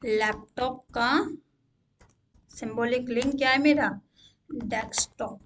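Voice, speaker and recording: High-voiced woman teaching a tech tutorial. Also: fairly even intonation, slow, a bit bright, a little hiss or hum. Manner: repeats "ठीक है" to check in, asks questions aloud. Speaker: instructor. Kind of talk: screen-share coding tutorial.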